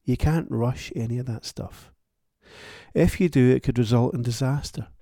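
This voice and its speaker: Gravelly man, wry monologue. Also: mid-range voice, normal speed, warm tone, no room sound, clean studio sound. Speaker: author and podcast host. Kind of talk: reflective solo monologue.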